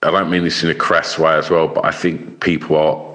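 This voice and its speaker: Male guest, extremely low voice, halting and stammering casual conversational delivery. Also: little pitch movement, fairly bright tone. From Essex, England. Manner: halting, stammering over words. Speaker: interview guest, charity fundraiser. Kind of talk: casual chat.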